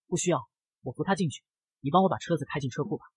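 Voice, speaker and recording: A man's voice: fairly high pitch, racing, slightly rough, dry recording. A man voicing an irritable, snappy young rich man, in a comic narration. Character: hot-tempered spoiled young rich man.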